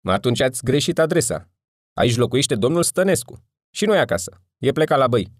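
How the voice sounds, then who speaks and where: A man voicing an irritated, hoarse neighbor woken in the night. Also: medium pitch, very animated, dry recording, studio quality, pitched above the performer's own voice.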